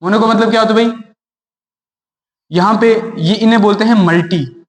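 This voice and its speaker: A man's voice: sits high, moderate pace. A man teaching English grammar in a classroom lesson, explaining step by step and asking rhetorical questions. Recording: echoey room with long reverb.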